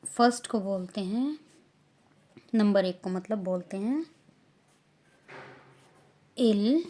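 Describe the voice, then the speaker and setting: Casting note: Indian woman teacher, very slow, careful drill delivery. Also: medium pitch. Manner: drawn-out, deliberate, stressing each syllable loudly when drilling. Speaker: language teacher. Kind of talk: slow classroom explanation with repetition drills.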